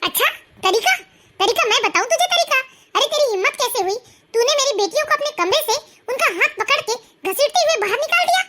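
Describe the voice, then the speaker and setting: A woman voicing an angry, domineering mother-in-law in an animated family story, scolding and sarcastic. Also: extremely high pitch, fairly quick, very noisy. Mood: furious.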